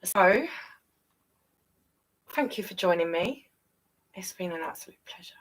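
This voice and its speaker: With an expressive, lowish, creaky voice that rises and falls a lot, this British streamer talks casually to her audience at a measured pace, warm and encouraging like a storyteller and addressing them as darling and guys. She's recorded from a distance on a rough recording.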